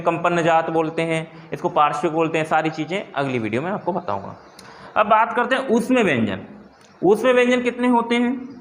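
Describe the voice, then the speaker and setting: A man's voice: high-pitched, fairly bright tone. A man teaching a Hindi lesson, asking the class questions and answering them himself, repeating key terms. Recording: echoey room.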